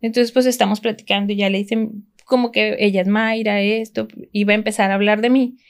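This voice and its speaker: A woman's voice: mid-range voice, steady tone, a little fast. A woman from Mexico, a podcast guest, telling a personal story in a casual, rambling way with frequent restarts.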